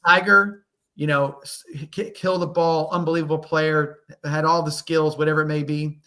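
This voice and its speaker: Man, sports talk co-host, blunt, emphatic, forceful bright voice, slightly high pitch, podcast mic. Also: little pitch movement, moderate pace. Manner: emphatic, blunt, mimics golfers in quoted asides.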